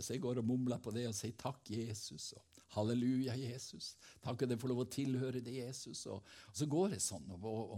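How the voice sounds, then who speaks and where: A man's voice: fairly low pitch, breathy edge. A man giving a fervent devotional testimony as a preacher, telling stories from his own life. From Helgeland coast, Norway. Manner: fervent, storytelling.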